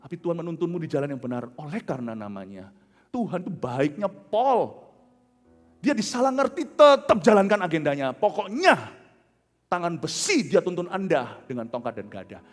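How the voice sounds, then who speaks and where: A middle-aged man with an Indonesian accent preaching a sermon as a pastor, telling stories with loud outbursts and soft low asides. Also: very animated, moderate pace, faint music behind. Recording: large hall with long reverb.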